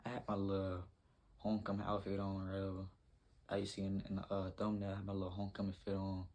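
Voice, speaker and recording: A man's voice: low-pitched, completely flat delivery, fast, darkish tone. A young man telling a rambling, slangy story in a casual storytime vlog.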